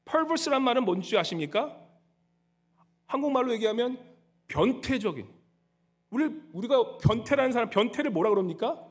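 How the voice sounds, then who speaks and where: A man preaching a sermon to his congregation in a high voice. His pitch leaps and swings all over the place. He shifts between loud scolding and soft, hushed passages. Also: lively intonation, normal speed, long pauses. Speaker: pastor. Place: church sanctuary.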